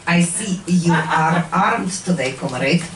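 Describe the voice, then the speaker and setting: A woman's voice: on the low side, slow pace. A woman putting on a stern Soviet comedian with a fake Russian accent, performing live. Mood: deadpan. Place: small comedy club stage. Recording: roomy club, far from mic, noisy crowd.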